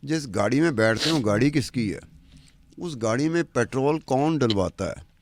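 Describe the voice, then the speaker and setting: A man's voice: medium pitch, animated, no echo. A man, a podcast commentator talking across from a woman anchor, stacking up rhetorical questions in an argumentative way.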